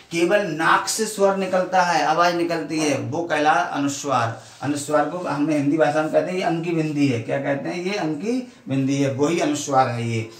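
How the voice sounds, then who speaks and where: A man's voice: on the high side, distant mic, slight background noise. A man teaching a Hindi grammar lesson with a Badaun accent, asking questions and then answering them himself. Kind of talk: classroom lesson. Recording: echoey room, voice off-mic.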